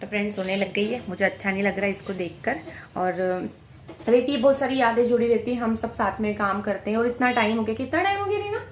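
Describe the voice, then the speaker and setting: A young woman chats to her viewers, lively and teasing. Her voice sits fairly high and rings around a bare, echoey room, with faint noise underneath. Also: fast talker. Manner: animated, coaxing and teasing with laughs. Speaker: vlogger. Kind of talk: casual vlog chat. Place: workplace room among staff.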